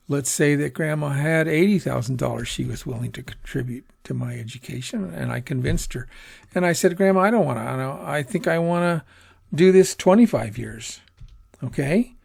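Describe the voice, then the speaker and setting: A male teacher gives an informal lecture on personal finance, rambling conversationally, correcting himself as he goes, and acting out quoted asides. His voice sits on the high side, with a darkish, husky tone and vocal fry.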